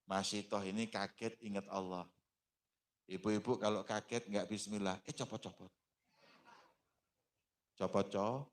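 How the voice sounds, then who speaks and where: A man preaching a sermon as storytelling, with a Banjar accent, animated and dramatic, swinging in pitch. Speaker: Islamic preacher.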